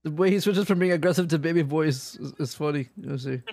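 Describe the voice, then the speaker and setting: A man's voice: on the high side, fast, darkish tone. A man streaming and chatting casually with friends, laughing often as he tells stories.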